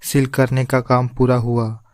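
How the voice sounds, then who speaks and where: A man's voice: mid-range voice, level tone, measured pace, dry recording, pitched below the performer's own voice, natural voice. A man voicing a cold, scheming male sorcerer in a stolen body, in a dubbed anime recap. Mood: cold, dismissive.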